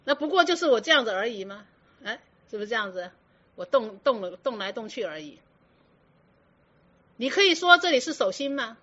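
A woman's voice: a little high, sing-song, a little fast, pauses often, fairly bright tone. A woman teaching a Buddhist sermon, often asking her listeners rhetorical questions. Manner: asks many rhetorical questions. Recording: dull lo-fi recording.

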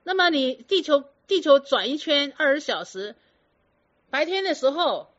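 A woman telling stories about patients to an audience in a lively, lecturing way full of rhetorical questions. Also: high voice. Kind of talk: storytelling talk to an audience. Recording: dull lo-fi recording.

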